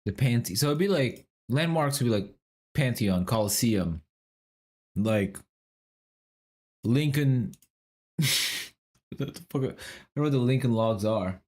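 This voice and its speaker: A man's voice: medium pitch, a little mellow, slightly rough. Young man streamer muttering word guesses. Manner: muttering guesses, swearing, quizzing chat. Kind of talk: casual stream chat, thinking aloud over a word puzzle.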